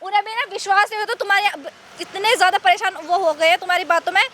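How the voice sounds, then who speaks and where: A woman's voice: extremely high pitch, fairly even intonation, fast talker, noisy background. A woman playing a young married wife who pleads with and scolds her husband's uncle, sounding indignant and defiant, in an amateur short drama.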